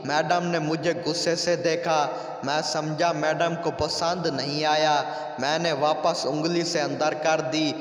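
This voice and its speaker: A man's voice: a little high, level tone, a little slow, distant mic, natural voice. A man reading the lines of a cheeky schoolboy who explains why his teacher slapped him. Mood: indignant. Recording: echoey room with long reverb.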